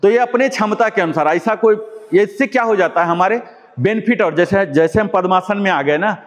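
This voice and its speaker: A man's voice: high-pitched, brisk. A man leading a live yoga class, explaining each step patiently and repeating key words. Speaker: yoga instructor. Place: yoga class with students present. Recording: long echoing room reverb.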